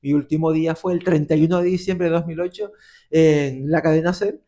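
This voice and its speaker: A man's voice: a little high, fairly quick. A middle-aged man from Gran Canaria with a Canarian Spanish accent, a radio presenter telling stories as a podcast guest. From Las Palmas de Gran Canaria, Spain. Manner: animated storyteller, voices the people he quotes. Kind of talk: podcast interview storytelling.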